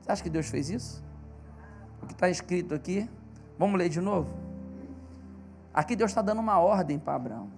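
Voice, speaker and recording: A man's voice: high-pitched, lively intonation, brisk, gravelly, pauses often, a little mellow, soft background music. A male pastor with a Brazilian Portuguese accent preaching in church, telling stories with animation and emphasis. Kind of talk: sermon.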